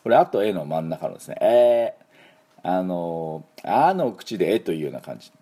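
A middle-aged man hosts a laid-back English lesson in a low, husky voice. His tone is mellow, but his pitch swings widely as he rambles through asides. He leads listeners through repeat-after-me pronunciation drills. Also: normal speed. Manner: relaxed, chatty, many fillers and asides. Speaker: English teacher and show host. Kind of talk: casual spoken English lesson.

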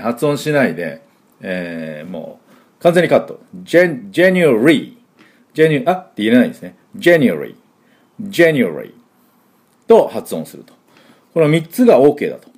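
A man teaching English in a chatty explanatory lesson, full of fillers, slowly sounding out each word. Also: mid-range voice, darkish tone.

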